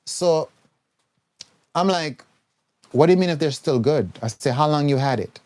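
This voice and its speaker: With a fairly high, animated, slightly mellow voice, an herbal health coach scolds his live-stream audience bluntly at a moderate pace. He quotes people and mimics their voices as he goes.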